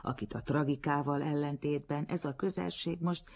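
A man reading a literary story aloud in an expressive storytelling manner, on a dull lo-fi recording. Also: on the high side, creaky. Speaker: narrator. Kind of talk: literary audiobook narration.

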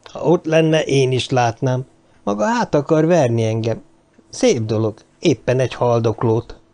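A man reading an audiobook, voicing a dying bearded mathematician who speaks in a low, raspy, scornful, lecturing way. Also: lively intonation, darkish tone, natural voice. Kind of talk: audiobook character voice.

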